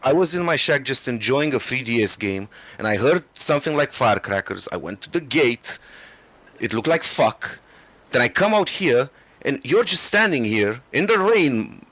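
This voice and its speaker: A man's voice: medium pitch, big pitch swings, moderate pace, a bit bright, dry recording. A man voicing a young male stoner graveyard keeper who is jittery and talks in laid-back slang. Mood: rambling.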